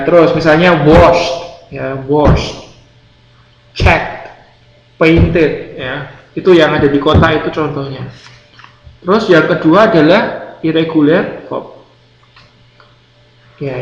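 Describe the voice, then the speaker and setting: A man teaching an English grammar class, explaining patiently, repeating key words and quizzing his students. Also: fairly high pitch. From Indonesia. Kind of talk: classroom lecture. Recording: roomy classroom, dull lo-fi sound, faint noise.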